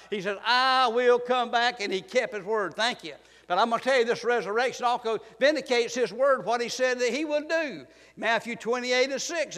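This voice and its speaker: A man preaching a fervent sermon in church, swinging between quiet and loud passages. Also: extremely high pitch, big-room sound. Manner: fervent preaching, rising and falling in volume. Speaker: pastor.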